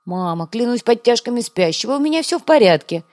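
A woman voicing a timid male astronomer who mumbles and squeaks back at his domineering mother, in an audiobook. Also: sing-song, brisk, a little mellow. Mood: meek. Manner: meek, mumbling, squeaky when indignant. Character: timid male astronomer, meek grown son.

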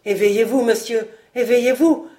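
A woman's voice: fairly high pitch, steady tone, moderate pace, dark tone, natural voice. A woman voicing a loyal old male squire, badly wounded and calling for help in a storybook reading. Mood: pleading. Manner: pleading, weakening.

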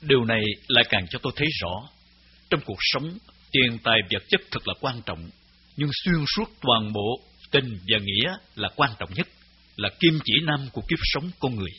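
A man reading his memoir aloud as narrator, in a grave, measured storytelling voice. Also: medium pitch, expressive, husky. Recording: slightly dull recording with faint music.

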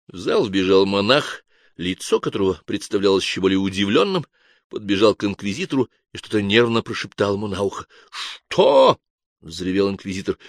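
A man narrating an audiobook with an expressive, scripted reading. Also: lowish voice, no echo, clean studio sound.

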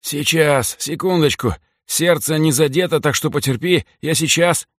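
A man voicing Mitka, a nervous and gruff young man, in a raised, tense voice in an audiobook. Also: medium pitch, unhurried, fairly bright tone, no echo, clean studio sound, voice pushed up, close to an everyday voice.

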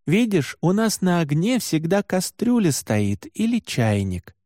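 A man reading an audiobook, voicing a kindly herder's wife who speaks gently and soothingly. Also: high voice, sing-song, unhurried, dry recording, studio quality, pitched above the performer's own voice. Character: kindly female herder's wife, calm and reassuring.

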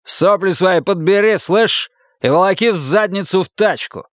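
A man's voice: on the high side, lively intonation, slow, clean tone, no room sound, studio quality, voice pushed up. Man doing a brutal bullying husband. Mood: menacing. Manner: snarling, yelling threats.

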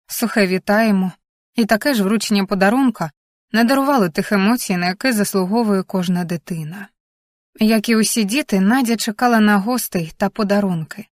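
A woman narrating a novel in a calm, measured storytelling manner, in a dry, close audiobook recording. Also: mid-range voice, no echo. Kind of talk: scripted narration.

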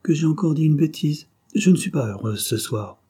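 A naive young woman from a storybook, earnest and a little plaintive, as a male reader puts her on. The voice sits higher than his own but keeps his dark, husky timbre. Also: expressive, normal speed. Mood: rueful.

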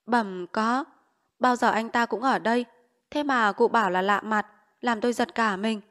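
A woman's voice: a little high, steady tone, moderate pace, natural voice. A woman reading a novel aloud and voicing an anxious old landlady who pleads deferentially. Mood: placating. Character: anxious old landlady, placating and quick-witted. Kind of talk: audiobook character voice.

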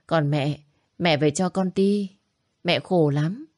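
A woman's voice: deep voice, takes it slowly, darkish tone, no room sound, studio quality. A woman voicing a young mother who scolds sharply, protective of her baby. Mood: sarcastic. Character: young mother, angry and protective daughter-in-law.

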